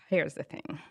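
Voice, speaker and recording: A woman hosting an advice show, telling a personal story in a casual, expressive way. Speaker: host giving advice to teens.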